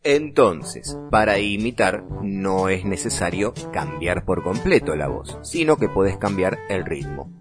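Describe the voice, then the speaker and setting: A man with a Rioplatense Argentine accent teaching a lesson on vocal impressions in a playful, lively way. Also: low-pitched, unhurried, hardly any pauses, over music. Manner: lively and playful, slipping into voices.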